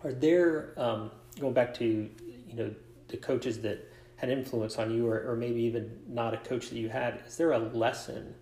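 A man's voice: mid-range voice, fairly even intonation, moderate pace, mellow. A man hosting a casual interview about coaching, reflective, asking long rambling questions. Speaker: podcast host, coach and author. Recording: echoey room.

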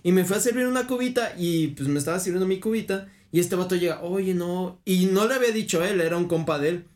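A man's voice: sits high, fast, a little mellow. A young man with a Mexican Spanish accent, telling a rambling, slangy story in a casual podcast chat.

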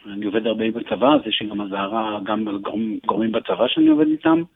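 A man speaking as a radio interview guest, earnest and urgent, often pausing with hesitations. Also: on the low side, very animated, gravelly, breathy edge. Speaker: interview guest, economic educator. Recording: tinny phone line.

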